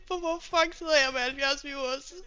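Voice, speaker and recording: A woman's voice: high-pitched, pushed and bright. A young woman livestreaming, overwhelmed and swearing constantly as she laughs through tears, on slightly muffled lo-fi stream audio. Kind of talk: live stream chat.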